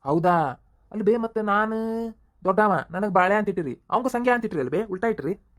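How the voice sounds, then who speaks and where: A woman's voice: medium pitch, brisk, close to an everyday voice. Brief: a woman playing a cocky young cartoon thief son, brash and swaggering. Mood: curious. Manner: cocky, calls his mother "bē". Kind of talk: cartoon voice acting.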